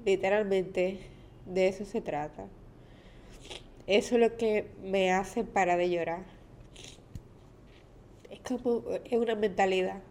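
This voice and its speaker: A woman's voice: medium pitch, fairly even intonation, slow pace, long pauses, darkish tone, slight background noise. A young woman hosting a personal podcast, speaking candidly and emotionally about heartbreak and loss, sounding tired and at times searching for her words. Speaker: podcast host.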